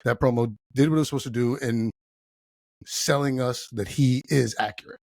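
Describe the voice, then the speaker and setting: A man co-hosting a casual wrestling podcast, talking as an emphatic, enthusiastic fan with a gravelly, husky voice. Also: mid-range voice, steady tone, normal speed, a little mellow, no echo. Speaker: podcast co-host.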